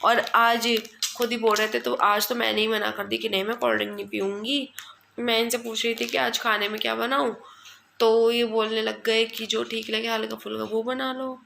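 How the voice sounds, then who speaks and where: A young woman talks casually into her phone camera at home, rambling through her day and quoting her husband's replies. Her voice sits a little high and sounds bright and gravelly. Faint room noise hums behind her. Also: flat delivery, moderate pace. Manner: chatty, rambling, often quotes her husband. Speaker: family vlogger. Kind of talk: casual home vlog chat. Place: at home indoors.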